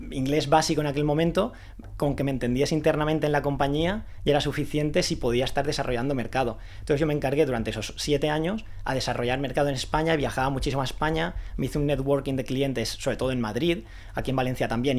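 Answering interview questions casually, a man who founded a renewable energy recruitment consultancy speaks quickly in a mid-range voice. His talk is full of fillers and false starts.

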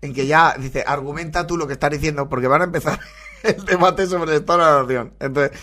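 A man's voice: on the high side, a little fast, sharp tone. A man from Valencia, hosting and reacting to clips with casual, colloquial, joking commentary, often laughing. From Valencia, Spain. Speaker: podcast host reacting to clips.

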